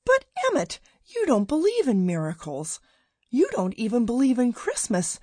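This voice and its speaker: A woman voicing an excited wife who scolds her husband, in a storybook reading. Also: on the high side, normal speed, dry recording, pitched above the performer's own voice. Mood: scolding. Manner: exclaiming, scolding.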